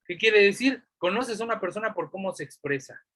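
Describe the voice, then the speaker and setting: A man with a Mexico City accent teaches an online class, tossing out rhetorical questions and tagging his points with "¿no?". His voice sits high and sounds bright and forceful. It is recorded dry and close, with no room sound. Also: lively intonation, brisk, dry recording. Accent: Mexico City Spanish.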